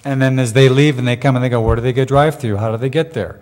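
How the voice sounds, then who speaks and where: A man who sits on a community services district board speaks at length at a public meeting, earnest, long-winded and diplomatic. His medium-pitched voice is steady and a little mellow, his pace quick, and the meeting hall is reverberant.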